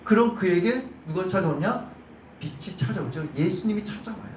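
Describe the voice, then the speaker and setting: A male pastor preaching a Sunday sermon, acting out crowd shouts and quizzing the congregation. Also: high voice, animated, normal speed. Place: church sanctuary. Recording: roomy church sound from a distant mic, faint hum.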